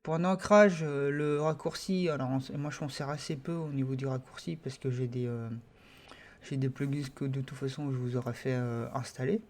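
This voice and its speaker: Un homme qui donne un tutoriel logiciel enregistré sur écran, en parlant de façon hésitante avec beaucoup d'hésitations, et qui commente chaque clic. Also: male voice, medium pitch, steady tone, moderate pace, darkish tone, a little hiss or hum. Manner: hesitant, many fillers, talks through each click. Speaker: software tutorial teacher. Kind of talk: screen-recorded software tutorial.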